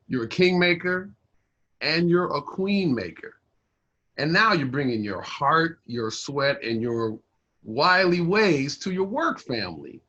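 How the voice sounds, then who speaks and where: A man playing a facilitator who leads a group talk with calm, encouraging questions in a video-call play. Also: mid-range voice, muffled recording. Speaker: workshop facilitator on race.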